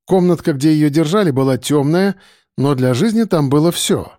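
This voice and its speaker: A man reading a first-person audiobook narration, steady and matter-of-fact. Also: fairly high pitch, moderate pace, dry recording, clean studio sound.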